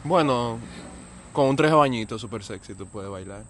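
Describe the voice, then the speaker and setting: A man's voice: medium pitch, lively intonation, normal speed, a crowd in the background. A man with a Dominican accent co-hosting a podcast in joking, slangy, casual conversation. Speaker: podcast co-host. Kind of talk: casual bantering chat.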